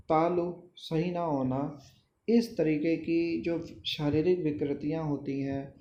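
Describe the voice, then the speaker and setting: A man lecturing in a slightly high, mellow voice, taking his time over each example word. The room around him is echoey, with a faint hum of ambience behind. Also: dull audio. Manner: slow, deliberate explaining with example words. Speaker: teacher. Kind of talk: lecture on pronunciation.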